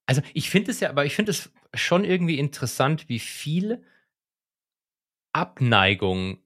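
A man co-hosting a casual podcast, giving relaxed opinions with a few stumbling restarts. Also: fairly high pitch, normal speed. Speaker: podcast co-host.

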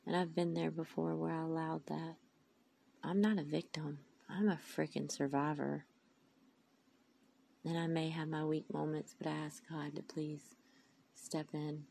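Tired, gravelly-voiced woman preaching encouragement. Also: low-pitched, flat delivery, unhurried, long pauses, warm tone, a little hiss or hum. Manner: heartfelt, emphatic, rambling. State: tired, tearful. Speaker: faith vlogger. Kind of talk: inspirational monologue.

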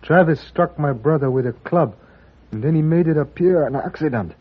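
An actor playing a grieving, polite servant man with a Chinese accent in a radio western, earnest and halting. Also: on the high side, husky. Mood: aggrieved. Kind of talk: old radio western acting. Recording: dull old radio recording.

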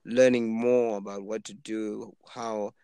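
Taking his time, a lowish, gravelly voice rings clear and resonant on a dry recording. He's a 20-year-old from Zimbabwe in a relaxed, filler-heavy casual chat about his hopes of making it as a rapper.

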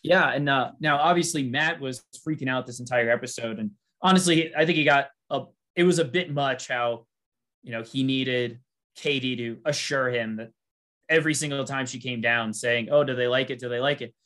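A man talking casually as a co-host, with an average pitch. He rambles through his points with plenty of fillers and restarts, and livens up whenever he quotes someone. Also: moderate pace. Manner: rambling, filler-heavy, animated when quoting. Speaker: podcast co-host. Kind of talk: casual chat recapping a reality show.

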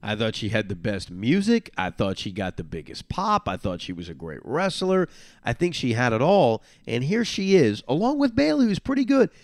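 A man's voice: mid-range voice, huge pitch swings, moderate pace, dry recording. A man hosting a solo podcast, talking casually and sarcastically, repeating phrases for emphasis. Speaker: podcast host.

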